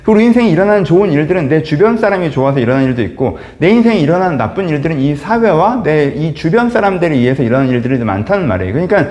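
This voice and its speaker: Lively, high-voiced Korean pastor. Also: male voice, racing, hardly any pauses. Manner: keeps asking listeners for agreement with rhetorical tag questions; acts out quoted speech with lively shifts. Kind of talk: conversational Bible study teaching.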